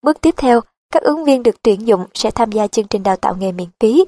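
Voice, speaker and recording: A woman reading a nonfiction audiobook in an even, measured narration style. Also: fairly high pitch, no room sound.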